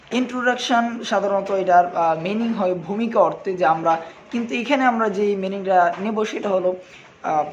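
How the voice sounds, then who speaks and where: High-voiced Bangladeshi man teaching English. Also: slight background noise, rough recording. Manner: spells words out letter by letter, mixes English phrases into Bengali. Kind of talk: classroom English lesson explained in Bengali.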